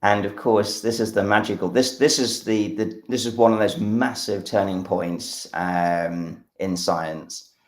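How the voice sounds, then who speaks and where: A man's voice: lowish voice, fairly even intonation, a little slow, roomy sound. An English man explaining a science demonstration during a live stream. He talks with enthusiasm, rambles, and uses a lot of fillers. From England. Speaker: science educator.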